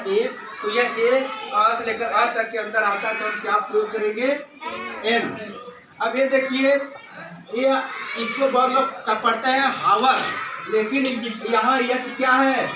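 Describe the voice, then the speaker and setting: A man with a very high voice teaches a classroom grammar lesson, posing questions and answering them himself. He calls his students "beta". He is recorded from far off in an echoey room with noise behind him. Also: level tone, unhurried. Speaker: school English teacher.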